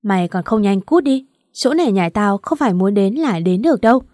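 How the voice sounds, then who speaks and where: A proud young wife with a cold, cutting delivery, as a woman narrator gives her voice. The tone is dark and mellow, dry and close. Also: mid-range voice, animated, brisk, dry recording, natural voice.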